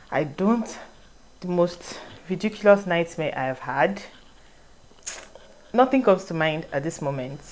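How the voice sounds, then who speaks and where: A young Nigerian vlogger with a low, deep voice for a woman chats casually to her audience. She reads each question aloud, then answers in a relaxed, meandering way.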